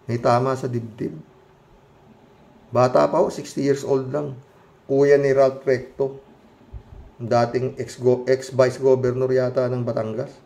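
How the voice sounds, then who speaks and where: A middle-aged man with a gravelly, medium-pitched voice offers casual commentary to viewers, keeping a level tone and measured pace with frequent pauses. He's emphatic and heated, firing rhetorical questions and interjecting often. When reading comments and signing off, he turns quieter and more subdued.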